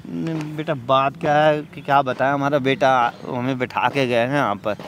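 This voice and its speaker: A man's voice: medium pitch, steady tone, moderate pace, a bit bright, slight background noise. An older man from Punjab, talking outdoors in the cold in a plaintive, tearful way and pleading for help. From Punjab, India. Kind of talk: casual conversation.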